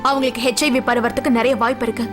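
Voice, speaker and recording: A woman's voice: on the high side, level tone, racing, music in the background, lightly acted. An actress dubbing a caring, strong-willed young woman who speaks earnestly and reassuringly. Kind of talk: Tamil film dub. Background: film score.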